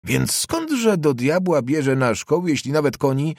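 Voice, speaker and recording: Haughty young nobleman, raspy and imperious, a male reader putting him on, lively pitch. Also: normal speed, dry recording, clean studio sound. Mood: commanding. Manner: hoarse, commanding, mocking questions.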